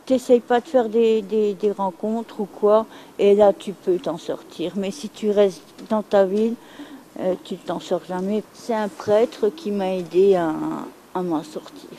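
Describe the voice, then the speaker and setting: A woman's voice: mid-range voice, fairly even intonation, measured pace, warm tone, slight background noise, low-quality recording. A middle-aged woman from France speaking frankly and bluntly about her past, repeating herself for emphasis. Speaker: interviewee. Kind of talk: candid testimony.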